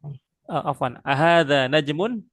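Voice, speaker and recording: With a fairly bright, highish voice and lively intonation, a male Arabic teacher patiently drills his student in a slow online one-on-one lesson. Pious interjections recur frequently, and the sound is close and dry, free of room sound.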